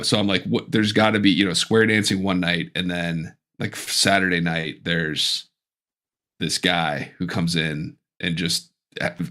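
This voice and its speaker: A man co-hosting a casual podcast, rambling with restarts as he pitches a comedy idea. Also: pushed and bright. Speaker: podcast co-host. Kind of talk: casual chat.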